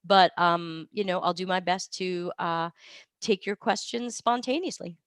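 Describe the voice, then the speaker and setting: Sick with a cold, a woman hosts a casual live Q&A stream from a hotel or temporary room while travelling. Her voice sits on the low side, unhurried and a bit bright, in a dry, studio-quality recording. She's chatty and rambling, often stopping to correct herself.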